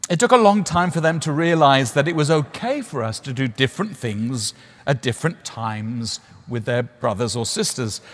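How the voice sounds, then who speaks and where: A middle-aged man preaching a sermon in a measured, earnest way, pausing slowly on key words. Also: mid-range voice. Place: church. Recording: echoey church hall.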